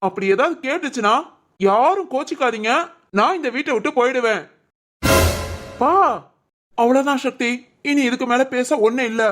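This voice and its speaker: A woman's voice: sits high, moderate pace, long pauses, music in the background. A woman voicing the members of a homemade family drama in an emotional, conversational way.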